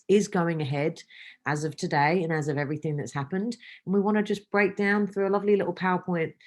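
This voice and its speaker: A woman's voice: sits low, darkish tone. A woman co-hosting a retreat Q&A on a video call, upbeat and earnest, with frequent fillers. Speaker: retreat co-host. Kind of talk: enthusiastic welcome on a video call.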